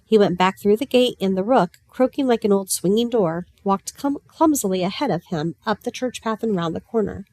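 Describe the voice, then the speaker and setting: A woman narrating a novel in a calm, even reading voice. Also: medium pitch, moderate pace, few pauses, dry recording. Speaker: audiobook narrator. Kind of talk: storybook narration.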